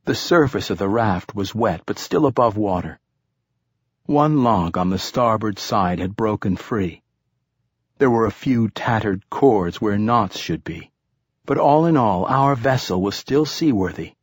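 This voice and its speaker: A man narrating an audiobook in a steady, measured storytelling manner. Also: lowish voice, breathy edge, no echo, studio quality.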